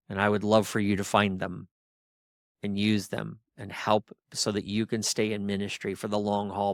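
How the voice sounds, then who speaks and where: Middle-aged male podcast host, low voice, firm and exhorting with rapid-fire questions, dry close recording. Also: fairly bright tone, no echo. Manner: firm, exhorting, drill-sergeant tone. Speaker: podcast host and ministry coach. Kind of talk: podcast monologue.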